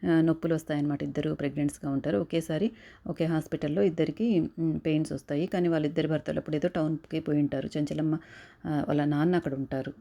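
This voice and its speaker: A woman's voice: low voice, fairly even intonation, vocal fry, warm tone. A woman hurriedly recapping a TV serial episode, often stopping to correct herself and restart. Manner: hurried retelling with frequent self-corrections and restarts. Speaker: serial reviewer. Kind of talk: fast episode recap narration.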